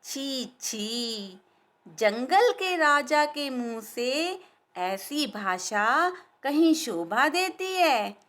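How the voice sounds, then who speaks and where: A proud, boastful tiny fly from a storybook, cocky and taunting, put on by a woman storyteller. She is pitched high and drawn out slowly, each jab spoken with swagger. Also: lively intonation. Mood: scornful.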